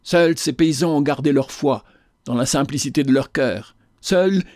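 A man's voice: a little high, a little slow, a little mellow, no room sound, clean studio sound, lightly acted. A man reading an audiobook and voicing a fervent, indignant young woman in a passionate, declamatory way. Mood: fervent indignation.

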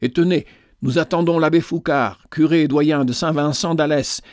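A man voicing a calm, protective older estate master and father in a storybook reading. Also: on the high side, no room sound, clean studio sound, voice pushed up, lightly acted. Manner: calm, measured.

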